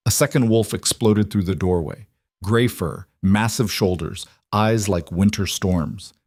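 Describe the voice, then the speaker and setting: A man reading a dramatic fantasy story as scripted narration, in a measured, dramatic way. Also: lowish voice, a little mellow, no room sound, clean studio sound.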